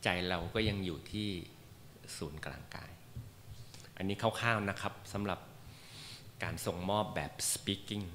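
Speaking in a hall with long reverb and a faint underlying hiss, this somewhat low-voiced meditation teacher lectures a class casually, joking around and using plenty of fillers. His tone is steady and a bit bright, at a moderate pace.

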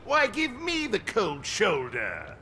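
An actor playing a gleeful, mocking villain clown with sadistic wit and a theatrical, teasing delivery in a video game. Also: male voice, high voice, huge pitch swings, slow pace, background noise, exaggerated voice. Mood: gleeful mockery. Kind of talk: video game character dialogue.

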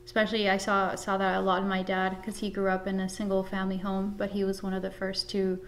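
A woman's voice: medium pitch, completely flat delivery, quick pace, a little hiss or hum. A woman in her thirties from Guatemala, a supervisor, speaking earnestly with many fillers in a seated office interview. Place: office with flag and plant.

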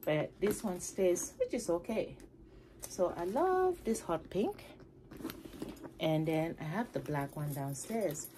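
A woman vlogging from her home, chatting casually to camera about her handbags in an animated, playful way. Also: on the low side, slow pace, noisy background. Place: her home, upstairs room.

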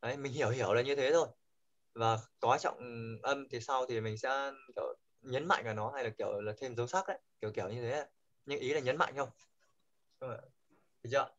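A man's voice: medium pitch, brisk, lo-fi sound. Vietnamese man teaching an English class. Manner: lively, coaxing, models words loudly for students to repeat. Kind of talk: classroom pronunciation drill. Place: classroom with students. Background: class repeating words.

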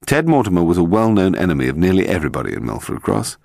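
In this audiobook mystery, a male narrator performs a gentleman detective in a low, creaky voice at a fast pace, heavily acted. Calm and cheerful, the character explains with wry ease; the melody is lively and the recording close, dry and echo-free.

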